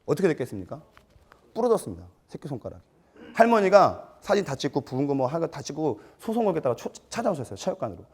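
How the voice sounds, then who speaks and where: A man giving a storytelling seminar lecture, animated and self-mocking, acting out quotes and putting questions to his audience. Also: fairly high pitch, quick pace. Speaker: lecturer for martial arts gym instructors.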